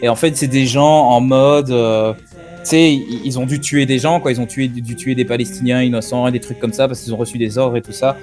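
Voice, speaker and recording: A man's voice: medium pitch, steady tone, moderate pace, a little mellow, faint music behind. Rambling man chatting on a call. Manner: rambling, lots of fillers and "tu vois". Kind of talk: casual group discussion over a call. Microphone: computer on a call.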